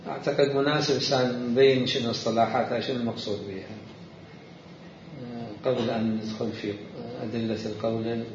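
Man giving a slow religious law lecture. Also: mid-range voice, distant mic. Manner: reads quoted texts slowly and louder, then explains in dialect. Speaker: seminary jurisprudence teacher. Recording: roomy, dull lo-fi recording with faint hiss.

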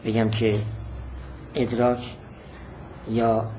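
Male teacher, seminary lesson style, patient explainer who repeats key points, medium pitch, light background noise. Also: completely flat delivery, dark tone, poor audio. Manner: patient, repeats definitions slowly. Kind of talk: seminary text lesson, reading and explaining Arabic.

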